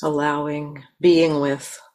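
In a low, flat voice, a female meditation teacher guides a meditation session. Her manner is gentle and unhurried, with long pauses between phrases.

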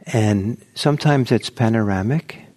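A man leading a guided meditation talk at a meditation center, speaking slowly and gently with frequent pauses. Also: lowish voice. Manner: slow, gentle, pausing often. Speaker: meditation teacher.

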